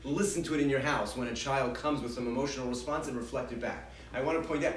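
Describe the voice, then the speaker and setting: A man's voice: mid-range voice, steady tone, fast, slight background noise. A man giving an informal parenting class to a group, talking conversationally, acting out what parents and children say and often restarting his sentences. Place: congregation hall. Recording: roomy hall, distant mic, faint ambience.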